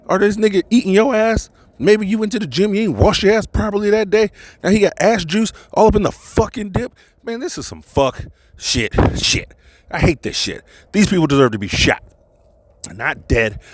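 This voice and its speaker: A man's voice: high-pitched, darkish tone, slight background noise. A man delivering a crude, comedic rant full of swearing. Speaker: segment ranter.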